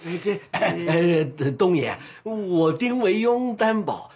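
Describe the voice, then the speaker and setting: A man's voice: sits high, takes it slowly, a little mellow, slightly rough, full character voice. An actor playing an obsequious middle-aged man who fawns and stammers nervously in a radio drama. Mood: pleading. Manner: fawning, nervous laughter, stammering. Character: obsequious middle-aged uncle, eager to please.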